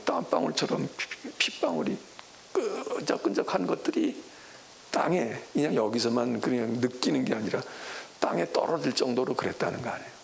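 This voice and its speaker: A middle-aged male pastor preaching a sermon who acts out biblical voices, switching between loud exclamations and hushed whispers. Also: mid-range voice, vocal fry, a little hiss or hum. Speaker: senior pastor. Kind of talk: expository sermon.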